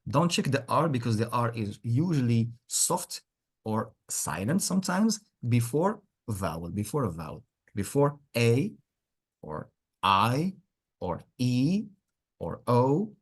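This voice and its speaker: Male English teacher, expressive and husky. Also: mid-range voice. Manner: deliberate, repeats words for learners, encouraging. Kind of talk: interactive pronunciation lesson.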